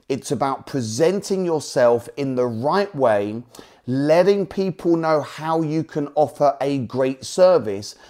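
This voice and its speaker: A man's voice: medium pitch, a little mellow. A man from Essex with an Essex accent, teaching like a motivational property trainer, telling personal anecdotes in an emphatic, salesy way and repeating key points. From Essex, England.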